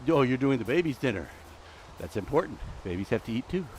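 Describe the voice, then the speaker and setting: A man's voice: mid-range voice, very animated, fast talker, a little mellow, a little hiss or hum. Breathless man chatting while gaming. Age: middle-aged. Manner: chatty, rambling, talks to game mobs. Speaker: host. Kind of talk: live gameplay commentary.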